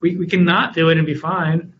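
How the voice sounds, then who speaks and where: A man talks through business lessons in an interview, and his voice sits a little high for a man. The sound is muffled and lo-fi, with a faint hiss underneath. He tells stories from his work and acts out his own past lines. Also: level tone, brisk. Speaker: guest, company founder and author. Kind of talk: interview answers.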